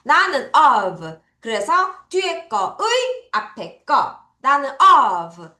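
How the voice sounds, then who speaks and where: A woman's voice: sits high, sing-song, drawn-out words, pushed and bright, echoey room. A woman teaching English words to young children, drilling them in call-and-response and laughing often. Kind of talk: children's vocabulary lesson.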